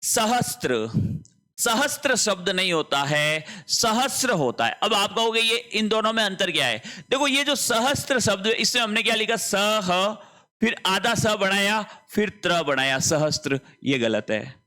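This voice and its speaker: A man teaching an online lesson, explaining slowly, repeating words and checking that students understand. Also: high-pitched, expressive, bright, forceful tone. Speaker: Hindi teacher. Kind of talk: online exam-prep lesson.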